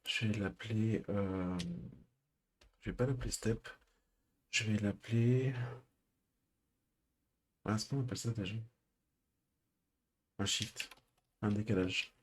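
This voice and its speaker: Man, live coding streamer; slow, hesitant, thinking aloud, fairly low voice. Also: a little hiss or hum.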